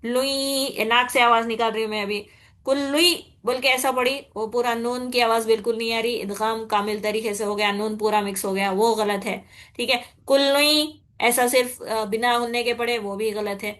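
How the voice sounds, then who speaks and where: Bright-voiced woman teaching recitation. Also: a little high, level tone. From India. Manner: explains patiently, often asks "okay?", demonstrates with slow drawn-out nasal recitation. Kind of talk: tajweed lesson.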